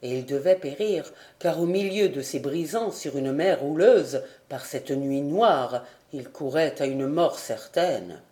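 A man's voice: on the high side, dark tone, pitched below the performer's own voice, close to an everyday voice. A woman doing a grave young sea captain. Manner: grave, measured commands. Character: young male ship captain, calm and firm.

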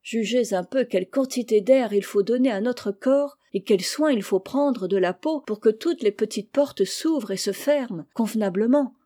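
A woman voicing an eager, curious young girl in an audiobook reading, speaking with lively enthusiasm. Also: a little high, moderate pace, hardly any pauses, close to an everyday voice. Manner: enthusiastic, animated.

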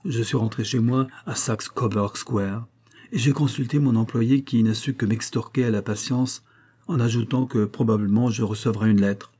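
A man's voice: medium pitch, fairly even intonation, normal speed, warm tone, slightly rough, lightly acted. A man reading an audiobook, voicing an indignant middle-aged red-haired pawnbroker telling his story. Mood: aggrieved.

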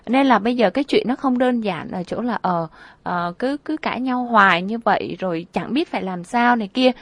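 A woman's voice: fairly high pitch, dry recording. A woman co-hosting a radio advice show, talking earnestly and conversationally about relationships, repeating phrases for emphasis.

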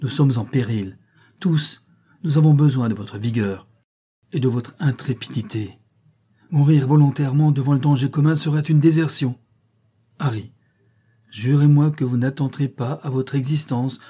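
A brave young hero speaks earnestly in a warm, vibrant voice, as a male narrator reads him. The voice is mellow and slightly husky. It is an audiobook reading. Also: medium pitch, moderate pace, lightly acted. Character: brave young Frenchman, loyal friend.

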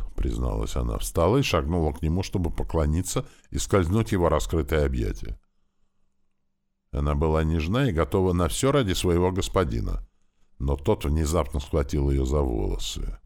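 A man narrating a dramatic story in an audiobook, with steady, expressive storytelling. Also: very deep voice, moderate pace, creaky.

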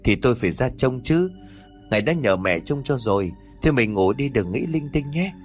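A man's voice: mid-range voice, animated, moderate pace, faint music behind, close to an everyday voice. A man playing a coarse village duck farmer who talks bluntly and brusquely. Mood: casual.

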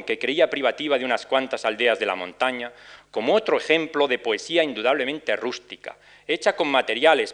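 Measured male lecturer, bright tone. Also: on the low side. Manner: measured, reads ballad verses with slower cadence. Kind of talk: academic lecture reading quoted ballads. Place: lecture hall.

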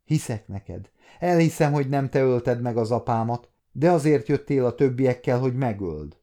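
A man's voice: mid-range voice, animated, dark tone, lightly acted. A man voicing a tearful, defiant young girl who works as a kitchen maid, speaking in a raised, pleading voice. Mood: sobbing.

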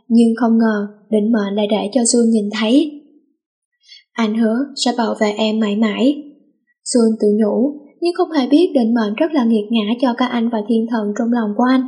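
A woman reading a fan-fiction story aloud in a steady storytelling manner. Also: on the high side. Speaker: story reader.

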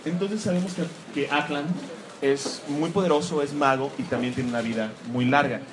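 With a slightly high voice at a moderate pace, this man talks live about comics before an audience in a room. His delivery is jokey and self-deprecating, peppered with lively asides, and background noise comes through clearly.

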